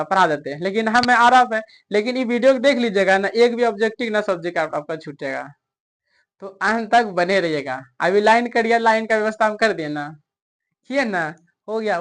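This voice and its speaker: A man's voice: high voice, fairly bright tone. A man teaching a story lesson, chatty and coaxing, constantly quizzing his listeners. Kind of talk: explaining a story in a recorded lesson.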